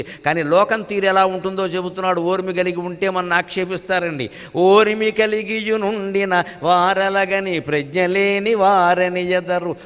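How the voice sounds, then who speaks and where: Older male spiritual lecturer, high-pitched, chants verses and explains them, long hall reverb. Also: fairly bright tone. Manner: chants Telugu verses slowly, then explains in conversational asides. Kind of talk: religious discourse with chanted verses.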